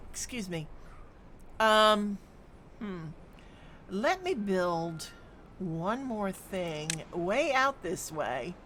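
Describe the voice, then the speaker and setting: Woman, game streamer, live commentary, slow pace, thinking aloud, frequent hums. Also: mid-range voice, sing-song, fairly bright tone, a little hiss or hum.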